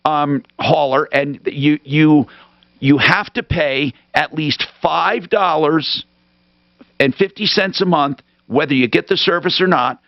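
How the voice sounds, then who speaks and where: A man's voice: a little high, slow pace, creaky, no room sound, highs cut off. A man hosting a call-in radio show, talking off the cuff in an emphatic, brusque way and cutting in on callers. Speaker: radio talk show host. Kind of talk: unscripted call-in talk.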